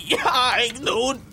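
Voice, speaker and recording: A man's voice: extremely high pitch, sharp tone, a little hiss or hum, full character voice. An actor voicing a meek male stable hand in a cartoon dub, talking timidly and hesitantly.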